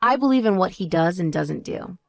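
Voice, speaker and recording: A woman voicing a calm older sister who speaks in a measured, patronizing way in a voiced story. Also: fairly low pitch, vocal fry, dry recording, clean studio sound, pitched below the performer's own voice. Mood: composed. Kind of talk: voiced text story dialogue.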